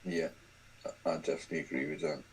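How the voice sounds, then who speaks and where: A man's voice: rumbling low, steady tone, fast, slightly rough, poor audio. A man joining a live stream as a guest, talking in a polite, friendly, easygoing way. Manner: polite and friendly, addresses the host as sir. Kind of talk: casual chat.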